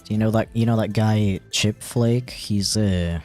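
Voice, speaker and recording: A man's voice: on the low side, fairly even intonation, measured pace, a little mellow, faint music behind. A man streaming while he animates, chatting casually and rambling with a self-deprecating tone and lots of fillers. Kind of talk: casual livestream chat.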